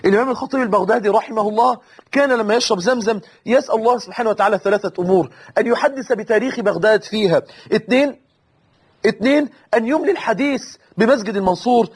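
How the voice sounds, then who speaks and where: A man with an Egyptian Arabic accent delivers a sermon in a high, husky voice. He talks quickly and with feeling, swears oaths and climbs into pleading cries. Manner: emotional, swears oaths, rises to high impassioned pleas. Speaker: preacher.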